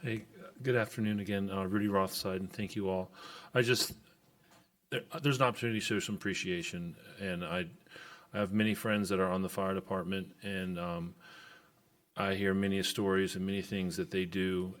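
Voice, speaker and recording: A man with a very deep, flat voice speaking at a public meeting. He talks haltingly and repeats his words as he goes. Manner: halting, repetitive. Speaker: resident giving public comment.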